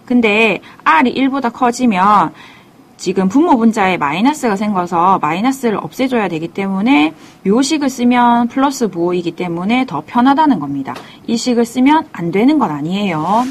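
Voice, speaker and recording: A woman's voice: on the high side, lively intonation, moderate pace. A woman math teacher giving a step-by-step lecture, calling herself "teacher" and asking and answering her own questions.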